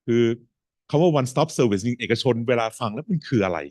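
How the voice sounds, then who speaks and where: A man moderating a conference panel, talking in halting bursts full of fillers and switching between languages. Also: medium pitch, expressive, a little mellow, no room sound, studio quality. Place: conference hall. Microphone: handheld microphone.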